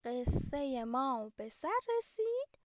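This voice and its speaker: High-voiced woman reading a children's story. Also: very animated, no room sound. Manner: sing-song, gentle and motherly. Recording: slightly dull lo-fi recording.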